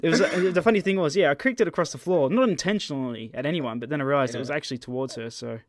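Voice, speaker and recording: A man hosting a podcast, chatting casually with friends, animated and full of swearing. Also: on the high side, rapid-fire, a little hiss or hum. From Australia. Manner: animated, sweary, loud outbursts. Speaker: podcast host.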